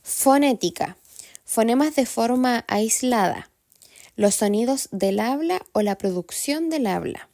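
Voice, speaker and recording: A woman's voice: a little high, expressive, a little slow, warm tone, no room sound, studio quality. A Chilean woman reviewing study material as a speech therapy student, listing terms in short definitions with examples.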